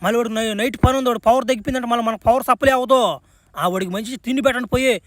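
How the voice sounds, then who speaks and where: High, fast-talking rustic man. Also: steady tone, fairly bright tone. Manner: rustic, profane, rapid banter. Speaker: cartoon voice actor playing the Flash. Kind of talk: crude comic cartoon dubbing.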